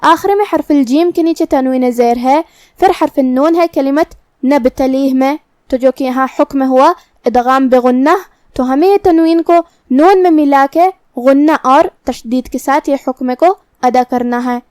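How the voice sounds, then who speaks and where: High-voiced woman teaching Quran recitation. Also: darkish tone, no room sound, clean studio sound. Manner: explains each letter rule methodically, then recites words slowly. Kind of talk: tajweed lesson with slow recited examples.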